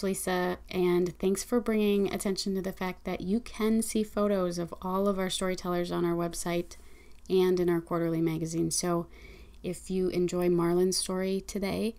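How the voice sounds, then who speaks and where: With a lowish, darkish voice, a podcast host warmly introduces her guest and reads out reviews from listeners. She takes her time and lets slip an occasional um.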